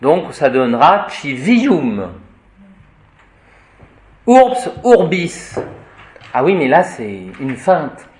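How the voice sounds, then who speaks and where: A man, a priest, teaching a grammar lesson to a class, explaining word by word in a slow, deliberate way. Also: mid-range voice, big pitch swings. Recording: echoey room.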